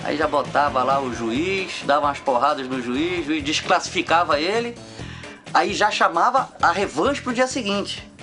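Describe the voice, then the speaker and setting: Brazilian guy chatting in an interview, voice a bit high, music clearly behind him. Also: expressive, moderate pace, bright, forceful tone. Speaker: interviewee from a circus wrestling family. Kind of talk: casual anecdotal interview.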